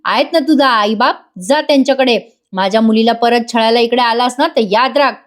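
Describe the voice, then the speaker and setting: A stern, furious middle-aged father scolds sharply and barks orders, put on by a woman. His voice rides high and tight in a retold serial scene. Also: a little fast, lightly acted. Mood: angry.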